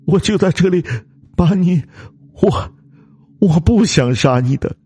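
A man's voice: high voice, lively intonation, measured pace, dark tone, husky, dry recording, voice pushed up, exaggerated voice. A man voicing a terrified, guilty middle-aged driver who stammers and sobs as he confesses. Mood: sobbing confession. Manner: stammering, sobbing, begging.

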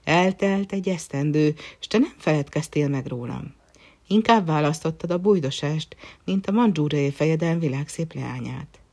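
A storyteller voicing Serisztáni, a gentle fairy deer woman. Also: medium pitch, lively intonation. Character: gentle female fairy in the shape of a blue deer.

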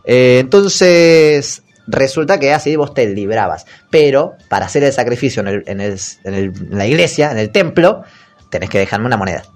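A man's voice: mid-range voice, expressive, normal speed. A young man with an Argentine Spanish accent, hosting a podcast and retelling a story in a jokey, slangy way, breaking into put-on character voices. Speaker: podcast host. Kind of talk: comic casual retelling.

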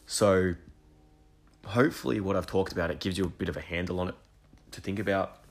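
A man's voice: deep voice, fairly even intonation, fairly quick, creaky. A man hosting an education podcast alone, talking enthusiastically and rambling with restarts and asides. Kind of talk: solo podcast monologue.

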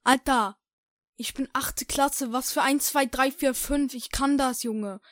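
A woman's voice: sits high, steady tone, measured pace, fairly bright tone, dry recording, clean studio sound. A woman playing a cheeky eighth-grade boy who talks in rude street slang with broken grammar, in a comedic role-play sketch. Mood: cocky, bored.

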